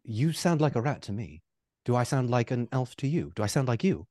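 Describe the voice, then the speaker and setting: Man playing a courteous, formal talking rat, lively intonation. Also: mid-range voice, fairly quick, no room sound, studio quality. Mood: curious, polite. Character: polite, eloquent talking rat, formal and gentlemanly.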